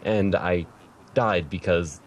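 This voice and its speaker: A man with a low voice hosts a podcast interview. He talks casually and wanders a little, correcting himself as he goes. A faint hiss sits behind him. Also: slow pace, highs cut off. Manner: rambling, self-correcting, light laughter. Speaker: podcast host.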